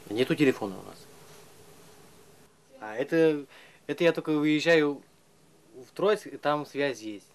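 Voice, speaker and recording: A man from Russia explaining his village home in a halting, casual way, with many fillers and repeated phrases, outdoors in the snow. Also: on the high side, animated. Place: outdoors in a snowy village and in a cellar.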